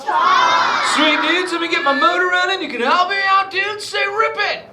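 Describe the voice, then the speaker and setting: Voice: very high voice, moderate pace. A performer voicing a laid-back surfer-dude male sea turtle who chats with a live audience in drawling surfer slang, playful and teasing. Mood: hyped. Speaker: live show character talking with audience. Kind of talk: improvised live audience interaction. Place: indoor theater with live audience. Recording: echoey theater with loud crowd noise.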